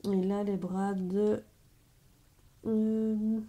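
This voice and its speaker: A woman showing off her scrapbooking purchases in a casual haul video, talking slowly and hesitantly with many fillers. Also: mid-range voice, flat delivery, warm tone.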